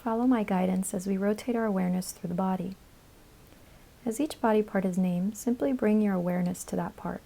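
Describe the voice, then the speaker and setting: In a gravelly mid-range voice, a woman leads a guided yoga nidra session. She speaks soothingly and calmly, giving instructions in measured phrases broken by pauses.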